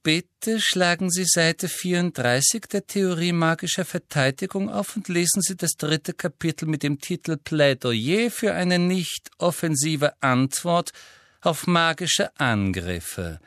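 Brief: man as a prim, self-satisfied lady teacher, high and syrupy, very slow. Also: animated, a bit bright, no echo, clean studio sound. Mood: saccharine. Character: smug, sugary female schoolteacher.

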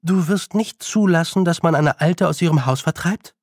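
Picture a young witch girl in a storybook, calm and firm, issuing quiet commands and warnings, as a male reader puts her on. The voice is gravelly at the bottom and fairly high, recorded close and dry with no room sound. Every phrase is measured and stern. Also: dry recording. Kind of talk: audiobook character voice.

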